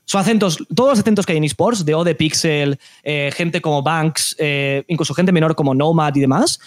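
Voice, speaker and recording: This esports caster from Spain, speaking with a Spanish accent, has a slightly high voice at normal speed. In a casual podcast chat he comes across as animated and opinionated, frequently restarting what he says. There is no echo.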